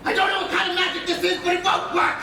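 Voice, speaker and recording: An actor playing a villainous, bitter pirate captain in a live stage play, loud, theatrical and blustering. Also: very high voice, monotone, quick pace, creaky, a faint crowd, exaggerated voice. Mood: alarmed, furious. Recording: distant mic, echoey theatre, audience noise.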